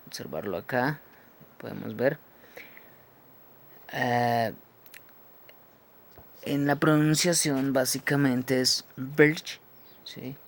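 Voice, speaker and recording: Man, phonetics teacher, unhurried, checks understanding after every symbol. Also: medium pitch. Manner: slow, explains each symbol, checks with "¿sí?" and "¿cierto?". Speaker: English teacher. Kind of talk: phonetics lesson.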